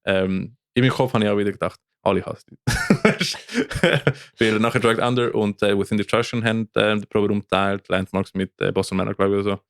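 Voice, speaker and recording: A man's voice: on the low side, a little fast, creaky, smooth, no room sound, clean studio sound. A man with a Swiss German accent, a band guitarist co-hosting a podcast and telling rambling stories full of fillers and restarts. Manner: rambling storyteller, many fillers and restarts, laughs often. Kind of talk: casual podcast chat.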